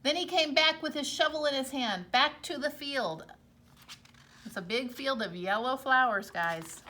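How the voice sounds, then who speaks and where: A woman with a high-pitched, sharp voice reads aloud to children from a storybook. Like a teacher, she reads with expression and pauses to explain things to them.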